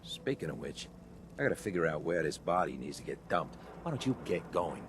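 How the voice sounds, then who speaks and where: A deep-voiced, scornful watchman. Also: very animated, a little fast, heavily acted. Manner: colloquial, scornful, swaggering. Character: cocky, hard-bitten, scornful neighborhood watchman. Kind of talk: video game character acting. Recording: clear background noise, game ambience.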